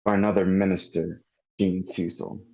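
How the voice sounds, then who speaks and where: A well-spoken male narrator in his late thirties, read by a man at a table read, telling events in a measured, formal tone. His voice is very low and dark, with a husky grain. It comes through dull, lo-fi online call audio. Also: little pitch movement. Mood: solemn. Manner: measured, formal documentary-style delivery. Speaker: volunteer reader at a script table read. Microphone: computer mic in an online meeting.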